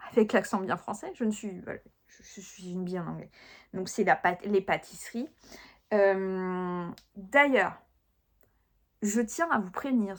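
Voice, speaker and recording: A young woman chatting casually to viewers about her cross-stitch projects, with many fillers and restarts. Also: medium pitch. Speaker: crafting channel host.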